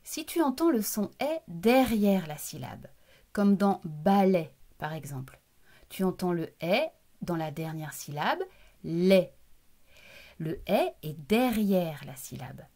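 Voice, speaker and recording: Slow, lively-voiced woman teacher. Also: on the low side. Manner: patient, deliberate, breaks words into syllables; addresses the child directly as "tu". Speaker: primary school teacher. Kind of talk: recorded lesson for young children.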